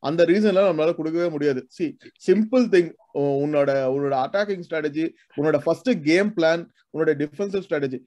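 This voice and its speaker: A man's voice: on the high side, racing, hardly any pauses, a little mellow. A man with a Tamil accent debating as a football fan panelist, emphatic and full of rhetorical questions, mixing two languages. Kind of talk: animated debate in mixed Tamil and English. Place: video call.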